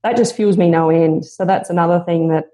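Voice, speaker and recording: A woman's voice: lowish voice, brisk, dark tone. A woman guest on a podcast interview, speaking in an earnest, motivational and reflective way.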